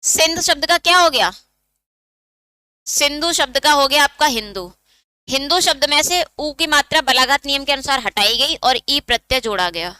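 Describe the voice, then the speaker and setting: A woman's voice: sits high, lively intonation, moderate pace, sharp tone, no room sound. A woman teacher giving an exam-prep lesson, explaining step by step and asking her students questions that she answers herself.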